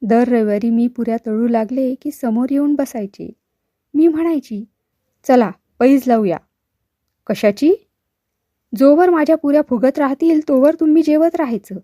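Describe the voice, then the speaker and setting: Storybook: gentle, halting young wife, voiced by a woman, high, dry sound. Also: no room sound. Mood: wistful. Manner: soft, halting, reminiscent. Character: young wife, grieving and wistful.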